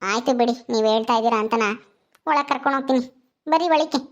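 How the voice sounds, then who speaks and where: A woman's voice: sits high, fast, lo-fi sound, lightly acted. A woman voicing a bitter younger sister who complains indignantly in a family drama skit. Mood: resentful.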